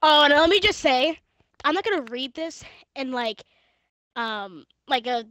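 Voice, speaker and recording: A young woman streaming from home on a gaming headset, chatting crudely and giggling, then reading fan fiction aloud in a flat monotone. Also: sits high, unhurried, no room sound. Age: young adult.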